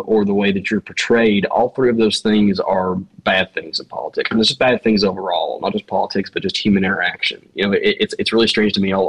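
A man with a Southern Appalachian drawl speaks in a low, husky voice. He discusses politics casually and earnestly, circling back over words as he works toward his point. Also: fairly bright tone, low-quality recording. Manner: earnest, halting, repeats words. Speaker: podcast guest.

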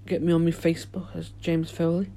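A man hosts a solo podcast, chatting casually in an informal, halting, unpolished way. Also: a little high, monotone, gravelly, mellow. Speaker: podcast host.

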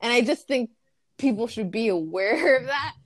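A woman's voice: on the high side, expressive, moderate pace. A woman talking frankly and bluntly in a casual conversation, swearing freely.

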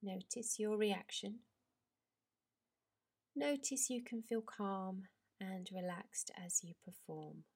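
Breathy lady yoga teacher, super slow soft guided relaxation, kinda low voice, half whispering.

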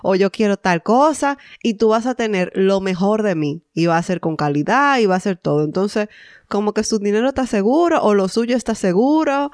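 A woman's voice: mid-range voice, animated, fairly quick, darkish tone, no echo, studio quality. A woman co-hosting a casual podcast chat, telling stories and laughing often. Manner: chatty, laughs often, storytelling. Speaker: podcast co-host.

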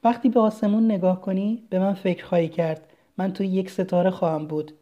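A reader voicing a gentle, earnest young boy prince from a tiny planet in a storybook reading. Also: mid-range voice, fairly even intonation, muffled recording, close to an everyday voice. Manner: soft, earnest and kind.

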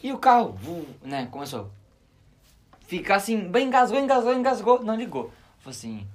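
Lively gaúcho guy telling a story. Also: high-pitched, fairly quick. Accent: southern Brazilian, Rio Grande do Sul. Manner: animated, slangy storyteller acting out quotes. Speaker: podcast co-host. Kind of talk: casual chat, storytelling.

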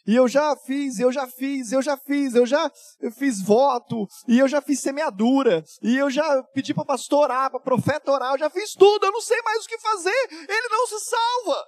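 A man acting out a distraught churchwoman pleading about her unsaved husband, rising to a high wail, in a dry room. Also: fairly even intonation, fairly quick, long pauses, a little mellow, no room sound, lightly acted. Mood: desperate.

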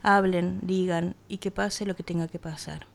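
A woman's voice: on the low side, steady tone, moderate pace, gravelly. A woman reads her own reflective text in an earnest, thoughtful tone. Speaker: radio contributor.

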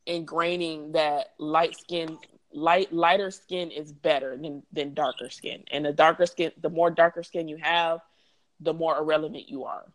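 A woman's voice: fairly low pitch, poor audio. A woman co-hosting a casual podcast discussion, opinionated and reflective, repeating words for emphasis. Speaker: co-host.

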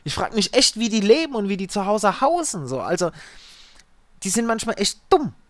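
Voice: mid-range voice, sing-song, moderate pace, fairly bright tone, dry recording. A tech support worker telling customer stories in a slangy, exasperated, chatty way. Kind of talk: casual storytelling.

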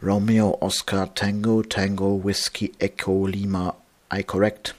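Slow, low-pitched man reading marine radio warnings. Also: flat delivery. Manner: measured, formal, spelling out with phonetic alphabet.

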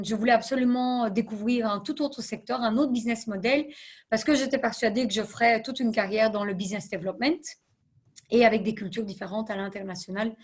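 A woman in her thirties, a podcast guest, answering interview questions thoughtfully with frequent hesitations and English business terms. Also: fairly high pitch. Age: 30s. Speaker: podcast guest, nonprofit CEO.

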